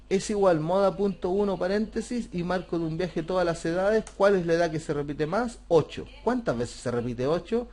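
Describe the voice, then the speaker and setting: In this screen-recorded software tutorial, a man teaching a computer class guides viewers through a spreadsheet step by step. His voice sits a little high and is slightly mellow, and he patiently keeps asking rhetorical questions. The audio suggests a close desk or headset microphone.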